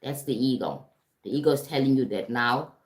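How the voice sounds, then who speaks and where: A woman's voice: very deep voice, fairly quick, echoey room. A South African woman, a life coach, giving a casual live-streamed talk and often checking in with "right?" and "you understand?". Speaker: life coach and motivational speaker. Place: home in Durban, streaming.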